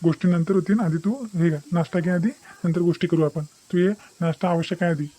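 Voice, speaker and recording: A man's voice: on the high side, little pitch movement, warm tone, lightly acted. A man voicing a young, deceitful, bossy boyfriend in a cartoon, dismissive and threatening. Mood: coaxing. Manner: dismissive, taunting, fast-talking. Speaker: cartoon character. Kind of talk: Marathi cartoon voice acting.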